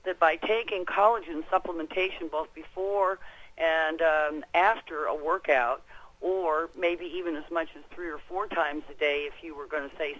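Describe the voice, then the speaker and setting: Speaking in a low voice over lo-fi sound, an American clinic practitioner answers questions as an expert guest on a conference call. Her explanations come across folksy and conversational.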